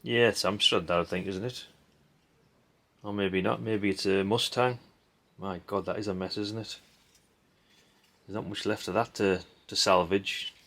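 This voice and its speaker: A middle-aged man with a lowish, slightly bright voice rambles bluntly as a hobbyist host while sorting old electronics, keeping a fairly even intonation and a measured pace with frequent pauses. His dry commentary is casual, peppered with tag questions and mild swearing. Parts clink and clatter as he handles them, over background noise.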